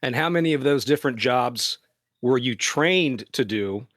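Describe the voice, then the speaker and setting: A man hosting an interview, asking attentive, measured questions. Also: mid-range voice, animated, a bit bright, no echo, clean studio sound. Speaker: podcast host, interviewer.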